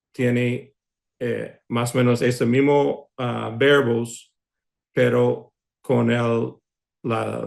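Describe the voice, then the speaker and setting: A man's voice: mid-range voice, creaky. A man who is a pastor teaching a Greek class, speaking patiently with many hesitations. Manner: patient, hesitant, fillers and restarts. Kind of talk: online class lecture.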